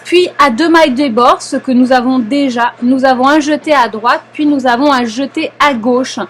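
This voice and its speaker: French-accented woman teaching knitting, high voice. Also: moderate pace, breathy edge. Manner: patient, explanatory, frequent hesitations and checks "d'accord?". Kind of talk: live online knitting lesson.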